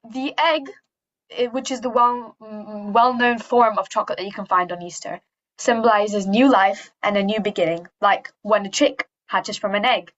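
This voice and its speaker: Upbeat lady doing a jokey presentation on a video call, kinda high voice, dull muffled sound. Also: a bit bright. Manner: chatty, upbeat, self-deprecating humor. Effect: heard over a video call. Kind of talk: casual presentation with jokes. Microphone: computer mic on a video call.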